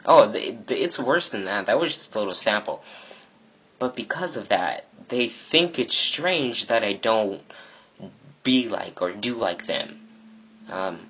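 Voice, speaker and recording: A man's voice: fairly low pitch, measured pace, a little hiss or hum. A teenage boy preaching earnestly to camera about faith, acting out what his classmates say. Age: teens. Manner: earnest, animated, acts out quoted classmates. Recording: dull lo-fi webcam audio.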